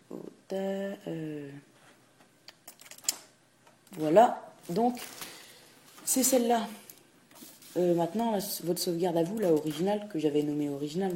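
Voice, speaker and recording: Hosting a laid-back screen-recording tutorial for a video game, a man hesitates a lot, restarts and uses fillers, and says "tac" whenever he clicks. His mellow voice is on the high side, at normal speed with frequent pauses, and there's a little hiss or hum.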